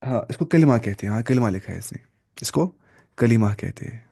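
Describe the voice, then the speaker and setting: A man teaching an online Arabic grammar lesson. He explains step by step, asks the class questions and answers them himself, mixes in English terms and reads Arabic words slowly. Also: mid-range voice, animated, gravelly, dark tone, husky.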